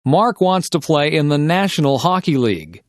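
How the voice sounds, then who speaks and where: A man reading short, simple sentences as dictation for English learners, enunciating each one carefully and deliberately. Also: fairly high pitch, very animated, dry recording, studio quality.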